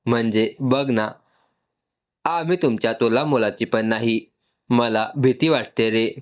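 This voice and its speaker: A man's voice: mid-range voice, unhurried, close to an everyday voice. Young woman figure, anxious and pleading, voiced by a male reader, muffled recording. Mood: worried. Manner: worried, pleading.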